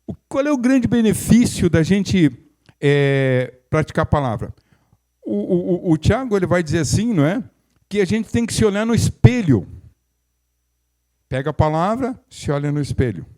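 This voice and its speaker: Older preacher, folksy and mellow. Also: male voice, sits high, sing-song, moderate pace. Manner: conversational, folksy, with humorous asides and many restarts. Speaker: pastor. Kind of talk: sermon.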